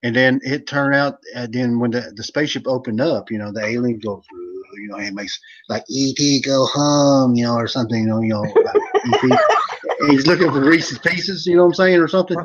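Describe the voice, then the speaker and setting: A man's voice: mid-range voice, steady tone, brisk, dull audio. A man who used to wrestle professionally, telling rambling joking stories in a casual chat over a video call. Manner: rambling storyteller, laughs a lot. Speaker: former pro wrestler and manager, guest.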